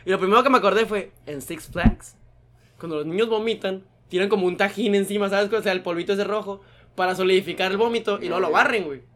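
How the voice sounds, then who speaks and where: A man's voice: high voice, fast talker, a little hiss or hum. A young man with a Mexican accent, telling a story in casual chat, full of slang and acted-out quotes. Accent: Mexican Spanish. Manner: slangy, animated storyteller acting out voices.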